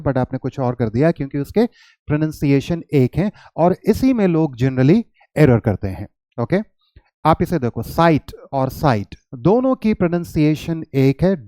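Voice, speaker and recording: A man teaches an English lesson and explains each point patiently. He spells words out letter by letter and reads example sentences slowly. His voice sits a little high, and it is recorded close and dry. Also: warm tone, dry recording.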